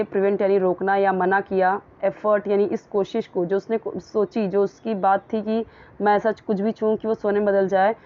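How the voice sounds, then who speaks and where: A woman teaching English in Hindi, patiently translating a story phrase by phrase and reading the English words slowly. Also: mid-range voice, highs cut off. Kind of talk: explaining a story line by line in Hindi.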